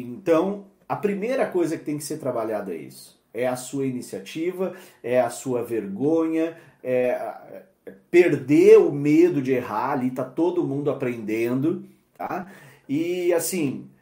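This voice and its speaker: A Brazilian-accented man with a fairly high voice gives a relaxed pep-talk lesson to language learners. He is slangy and informal, and keeps tossing in quick checks to make sure the listener follows. His voice bounces around a roomy, echoey space. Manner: informal, slangy, constant tag questions. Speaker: English course teacher. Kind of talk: casual motivational lesson. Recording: roomy echo.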